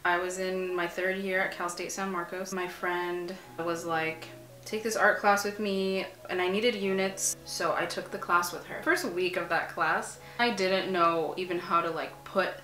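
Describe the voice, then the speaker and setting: Her voice is lowish and unhurried as this twenty-something vlogger and artist, a native Arabic speaker, paints and answers questions from her couch. The chat is relaxed and laced with lots of "like" fillers. A camera a few feet away picks up a roomy sound in the small home room, with soft music playing behind her.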